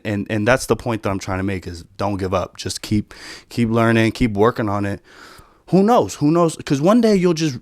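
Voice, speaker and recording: A man's voice: medium pitch, dry recording, studio quality. A young man telling a comic story in a rant to camera, acting out the voices of the people in it. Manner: animated storytelling, acts out quoted voices. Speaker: comedian. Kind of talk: stand-up style rant to camera.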